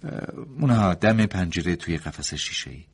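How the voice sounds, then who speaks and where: A man voicing a nervous, fussy young doctor in a read-aloud story, his voice pushed high and loud in eager bursts. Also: expressive, husky, heavily acted. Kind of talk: audiobook story reading.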